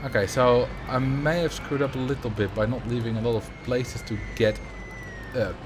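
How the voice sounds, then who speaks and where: Speaking at a moderate pace in a steady, mid-range voice, this Dutch-accented streamer from the Netherlands talks casually to his audience and muses aloud during a building game livestream. The background is noisy.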